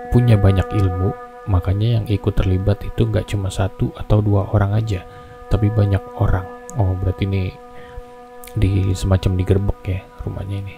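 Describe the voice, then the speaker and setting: A man hosts a horror story reading, delivering it in a casual, chatty style with asides to listeners, while background music plays as a bed under his voice. He speaks at normal speed in a low-leaning voice with little pitch movement, vocal fry, and long pauses. The audio is narrow and tinny.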